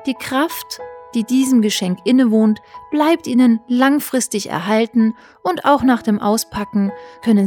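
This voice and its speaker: A woman narrating a scripted guided meditation in a soothing, measured manner. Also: fairly high pitch, a little mellow. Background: music.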